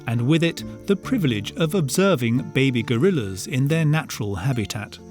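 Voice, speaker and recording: A man narrates a nature documentary in a scripted style. His pitch is in the middle range for a male voice, and music plays clearly behind him. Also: animated, normal speed.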